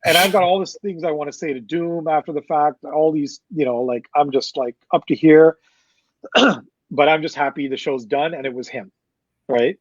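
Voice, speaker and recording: A man's voice: on the high side, moderate pace, no echo, highs cut off. A man, a concert promoter, telling a long story in a casual interview, quoting people and swearing freely. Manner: animated anecdote-telling with profanity and quoted dialogue.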